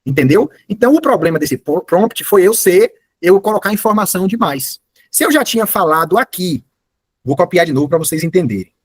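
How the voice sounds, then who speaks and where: A man's voice: high voice, lively intonation, a little fast, slightly rough, no room sound. A man giving a live online class, explaining step by step and often correcting himself mid-sentence. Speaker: course instructor.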